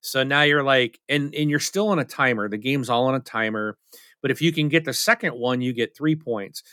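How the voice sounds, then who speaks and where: A man's voice: medium pitch, moderate pace, sharp tone, dry recording. A middle-aged man chatting casually as a podcast co-host, rambling and telling stories with many fillers. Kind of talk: casual chat.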